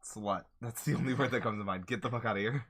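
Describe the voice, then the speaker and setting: A man with a dry, raspy throat, rambling and joking in casual chat as he plays a game. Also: medium pitch, quick pace, fairly bright tone. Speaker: gaming video host. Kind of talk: casual chat while playing.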